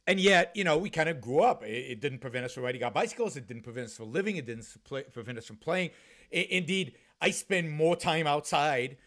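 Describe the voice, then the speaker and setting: A man's voice: medium pitch, a bit bright. A man in his fifties from Israel, hosting a solo talk-radio show from a home office, talking earnestly with many restarts and fillers into a studio mic. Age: 50s. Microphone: studio mic with pop filter, headphones.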